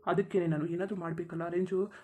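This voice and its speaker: A worried young village man in a cartoon pleads for help in a rushed, anxious voice, as a voice actor plays him. His pitch sits in the middle range, and his words tumble out quickly. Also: little pitch movement, warm tone, lightly acted. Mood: pleading. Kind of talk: cartoon voice acting.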